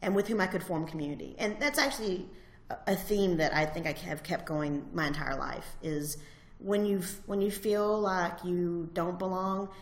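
Southern-accented woman in her forties, animated. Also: on the low side, roomy sound. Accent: Southern US (Alabama). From Alabama, US. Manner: animated, laughs often, frequent fillers. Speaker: interviewee, alumna. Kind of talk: casual personal interview.

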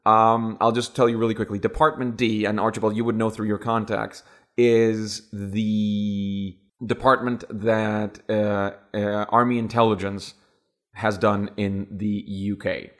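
Low voiced guy game mastering, rambly narration, lots of restarts. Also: little pitch movement, a little slow. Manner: rambling, with frequent fillers and restarts.

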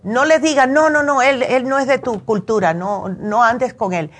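A woman speaks at normal speed in a slightly high voice. She hosts a call-in radio program, chatting through advice and her own anecdotes; she was born in Cuba, raised in the US, and often asks tag questions to get agreement.

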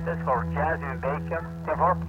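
A man, a police officer on the radio, reading out numbers in radio code and pausing with hesitations. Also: a little high, steady tone. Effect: heard over a police radio. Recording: tinny radio transmission with loud music.

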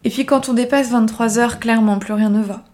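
A woman's voice: on the high side, fairly even intonation, a little fast, darkish tone. A woman with a sped-up chipmunk voice.

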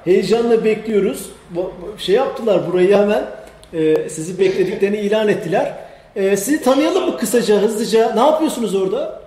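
High-voiced mellow male host. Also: lively intonation, brisk, slight background noise. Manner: conversational, leads the talk. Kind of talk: casual tech news chat. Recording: echoey room.

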